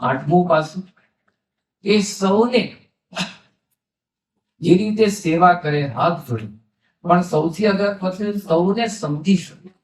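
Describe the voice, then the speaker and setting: A man's voice: high-pitched, slow, long pauses. A man, a monk, telling devotional stories in a sermon and acting out the dialogue in them. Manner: animated storytelling, acts out quoted dialogue. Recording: echoey hall, mic at a distance.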